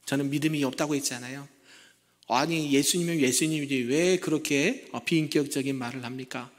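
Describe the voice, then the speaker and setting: A man, a senior pastor, preaching a sermon in a church and asking the congregation rhetorical questions, moving between loud pleas and hushed asides. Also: mid-range voice, a little fast. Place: church sanctuary. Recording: long echo of a church hall.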